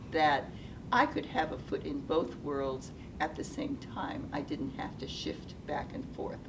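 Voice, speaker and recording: A creaky-voiced woman in her seventies from Seattle in the United States, whose first language is Japanese, reflects on her life story as an interviewee and retired nonprofit CEO. She speaks thoughtfully and haltingly, often restarting sentences. The distant mic picks up a low rumbling noise.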